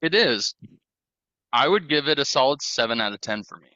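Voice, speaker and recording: A man's voice: medium pitch, lively intonation, normal speed, pushed and bright, dry recording, highs cut off. A man co-hosting a podcast in casual, joking chat, teasing himself. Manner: joking, self-mocking. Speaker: podcast co-host.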